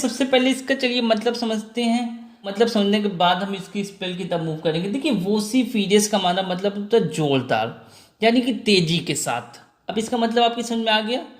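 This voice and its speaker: A man's voice: high-pitched, animated, normal speed. A man teaching an exam vocabulary lesson, spelling words out letter by letter and answering his own questions. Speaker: English teacher. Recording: echoey room.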